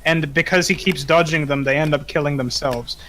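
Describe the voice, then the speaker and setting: A man's voice: fairly high pitch, steady tone, brisk, fairly bright tone. Rambling male streamer, casual chat. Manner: rambling and chuckling, often reading aloud.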